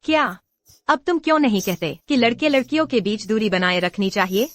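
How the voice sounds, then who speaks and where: Young heiress, dubbed drama, higher voice, flustered, scolding voiced by a woman. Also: animated, brisk, no echo, studio quality, close to an everyday voice. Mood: sulky.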